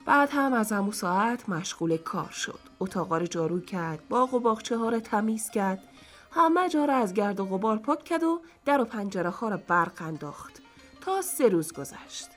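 A woman reading a folk tale for radio in a lively, expressive way. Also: mid-range voice, faint music behind. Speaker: radio storyteller.

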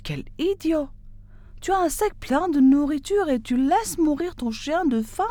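A woman voicing an impatient, quick-tempered male traveler in a spoken fairy tale, exclaiming his lines. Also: sing-song, warm tone, no room sound. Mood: indignant. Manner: exclaiming, raised and higher than her narration.

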